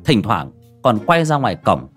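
A man's voice: lowish voice, wildly swooping pitch, normal speed, a bit bright, slightly rough. A man narrating a horror audiobook with dramatic storytelling. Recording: faint background music.

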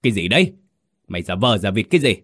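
A furious old landlord in a storybook tale, barking and sputtering at his servant. A man puts him on with a low voice that runs quick and rises sharply as he scolds. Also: sing-song, fairly bright tone, no room sound, clean studio sound. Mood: scolding. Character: angry old male village landlord.

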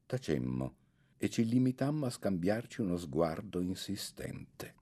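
Man, audiobook narrator, measured literary reading, deep pitch, dark timbre. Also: sing-song. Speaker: audiobook reader. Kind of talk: scripted narration.

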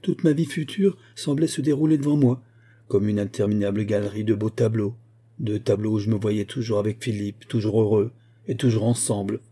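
A man's voice: steady tone, brisk, mellow, husky. A man voicing a melancholy young bride speaking wistfully in a storybook reading. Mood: wistful sad. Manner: wistful, melancholy, raised pitch. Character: young anxious bride on wedding morning.

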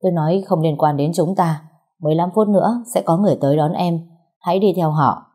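A woman's voice: lowish voice, quick pace, dark tone, natural voice. A woman voicing a cold, controlling man who gives orders and threats over the phone. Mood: cold commanding. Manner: cold, commanding.

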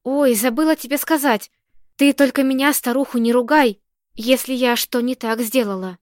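A woman's voice: high voice, steady tone, normal speed, no room sound, natural voice. A woman reading the lines of a fussy, talkative old landlady who chatters and frets, in a dry, close-sounding recording. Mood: fretful. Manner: chattering, fretful.

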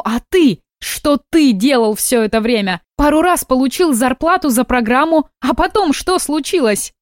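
A woman's voice: on the high side, dry recording, studio quality, voice pushed up, lightly acted. A woman reading a tired, defiant young wife who speaks sharply and indignantly, in an audiobook. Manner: weary, then sharp and indignant.

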